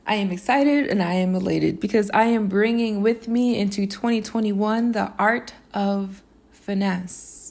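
Reflective woman with a gravelly edge. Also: mid-range voice, a little slow, a little mellow. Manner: musing, spiritual, playful asides with laughs. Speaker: podcast host. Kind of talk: reflective solo podcast monologue.

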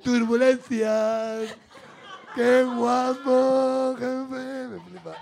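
A man hosting a podcast in casual chat, animated and jokey, with a gravelly, husky voice. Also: very high voice, extremely slow, a faint crowd, a little hiss or hum. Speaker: podcast host.

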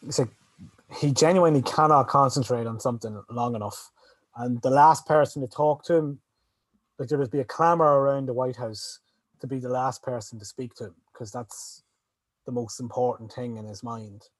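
A man's voice: medium pitch, fairly even intonation, normal speed, dry recording. A man in a casual chat, rambling with lots of fillers and restarts.

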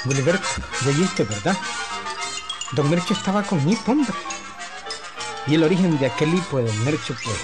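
A man tells a comic tale in a chatty, folksy radio style and speaks straight to a listener. His intonation rises and falls in a lively way. Music plays clearly under his voice. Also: fairly high pitch, normal speed, pauses often. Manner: chatty, addresses a listener directly. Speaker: narrator.

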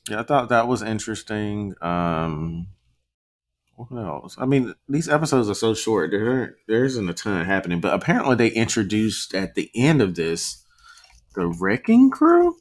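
Man, lowish voice, podcast co-host, casual recap, laughs. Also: normal speed. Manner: relaxed, recaps scenes with quoted lines and laughs. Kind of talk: casual chat.

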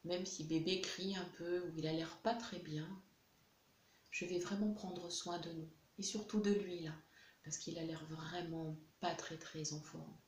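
A woman leads a tapping session with calm, gentle instructions. Her voice sits low for a woman. The recording rings with room echo over a faint hiss. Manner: gentle, slow, soothing guidance. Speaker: EFT practitioner guiding a session.

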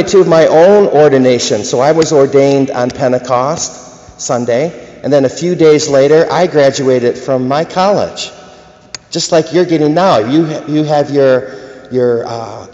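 A male priest reading the Gospel and preaching at Mass in a measured, gentle way with small restarts, his voice ringing in a cathedral echo. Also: fairly high pitch. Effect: cathedral echo, long church reverb. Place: large church during Mass. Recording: echoey church hall, dull muffled sound.

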